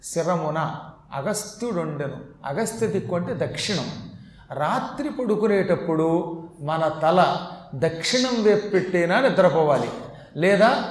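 A man telling a devotional story as a sermon and giving moral advice, slowly chanting verses along the way. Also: high voice, echoey room. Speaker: religious discourse speaker.

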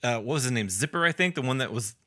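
Man, podcast co-host, bright tense voice, lively pitch, lots of um and uh. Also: fast talker. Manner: searching for words, frequent um and uh, laughs often. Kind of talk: casual chat.

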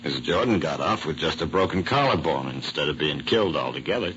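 A man's voice: extremely low pitch, animated, fairly quick, fairly bright tone. An American actor playing a blunt, folksy working-class male mechanic in an old-time radio drama, slangy and plain-spoken. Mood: blunt, matter-of-fact. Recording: noisy, muffled old radio recording.

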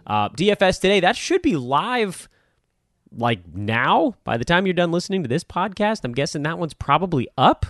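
A man's voice: fairly high pitch, very animated, moderate pace, fairly bright tone, no room sound, clean studio sound. A man hosting a sports podcast, chatting casually and rambling a little as he wraps up the show with plugs and thanks. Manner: upbeat, rambling, self-deprecating. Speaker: podcast host.

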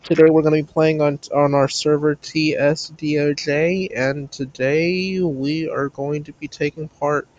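A man's voice: a little high, steady tone, measured pace, hardly any pauses, darkish tone, highs cut off. A man hosting a gaming video with informal commentary, thinking aloud as he plays. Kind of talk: casual gameplay commentary.

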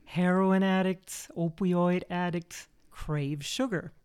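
A woman co-hosting a podcast, recalling old neighbors with lively amusement and frequent laughter. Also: lowish voice, slow, clear, resonant tone. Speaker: podcast co-host. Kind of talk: casual reminiscing conversation.

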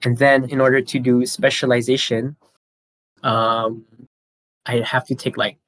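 A man's voice: medium pitch, little pitch movement, measured pace, fairly bright tone. A young man of about nineteen, chatting as a podcast co-host and explaining things earnestly, step by step. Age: teens. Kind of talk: casual chat.

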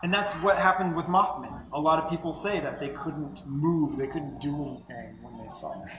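A man in casual conversation, his slightly high voice asking curious, quick follow-up questions. The audio is poor quality, captured in an empty room next to a meetup. The room echoes around him and steady noise runs underneath. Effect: low-quality recording made in an empty side room. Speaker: podcast host interviewing a guest. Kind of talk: casual chat.

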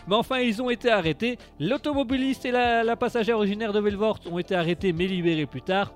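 Man, high voice, radio host, rambling and sarcastic, faint music underneath. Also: fast. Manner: rambling, sarcastic, many fillers and restarts. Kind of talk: casual news chat on live radio.

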